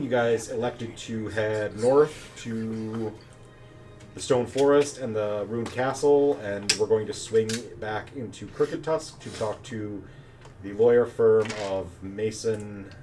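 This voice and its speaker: A man running a tabletop game as game master, narrating in a relaxed, chatty way with plenty of fillers. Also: medium pitch, slow. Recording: distant mic, faint background noise.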